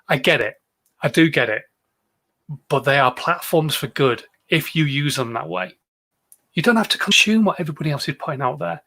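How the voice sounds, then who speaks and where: A British man with a fairly high-pitched voice talks casually as the host of a livestream. He coaches his audience emphatically, repeating phrases to drive them home and putting rhetorical questions to them. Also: fairly bright tone. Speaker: social media coach hosting a livestream. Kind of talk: casual livestream advice talk.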